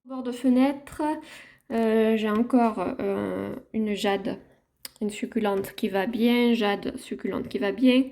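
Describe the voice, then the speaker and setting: A woman's voice: mid-range voice, darkish tone. A woman chatting casually in a home vlog, showing her plants to viewers. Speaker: gardening vlogger. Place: at home by a window.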